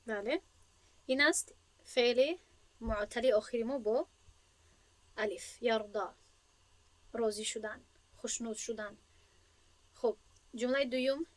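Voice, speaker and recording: A woman's voice: a little high, poor audio. A woman teaching an Arabic grammar lesson in Persian as her first language, explaining step by step, asking students questions and praising their answers.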